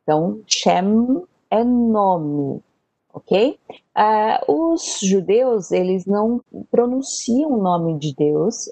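A woman teaching an online Bible language lesson, taking her time over every word. She talks very slowly and patiently and repeats each term so her learners can follow. The sound is close and dry, with no room echo. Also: medium pitch, darkish tone. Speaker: Hebrew teacher.

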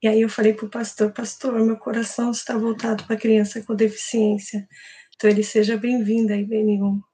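Speaking briskly with a warm tone, a woman with a Brazilian Portuguese accent gives an earnest, emotional personal testimony at church, telling her story and quoting prayers. Her voice is medium-pitched with little pitch movement.

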